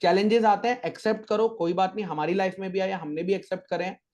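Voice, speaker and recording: A man's voice: sits high, steady tone, fast, darkish tone. A man in his thirties, a guest on a podcast, telling stories and giving motivational advice in a casual chat. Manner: chatty, storytelling, motivational. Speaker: podcast guest, chartered accountant teacher.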